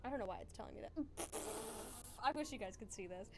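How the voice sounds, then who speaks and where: A young woman chatting casually while streaming a game, excitable, giggly and self-deprecating. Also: mid-range voice, quick pace, music in the background. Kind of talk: casual gaming stream chat.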